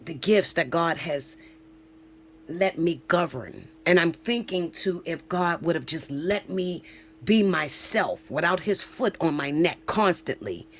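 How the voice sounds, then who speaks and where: A woman's voice: fairly low pitch, slight background noise. Emphatic forty-year-old woman spiritual reader. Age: 40s. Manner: emphatic, preachy, swears, keeps asking "okay?". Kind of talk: casual spiritual vlog talk.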